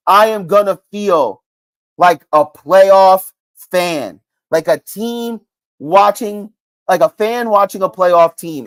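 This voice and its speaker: A middle-aged man hosting a sports podcast, talking in an excitable, rambling way with big swings in pitch and loudness. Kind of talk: casual sports commentary.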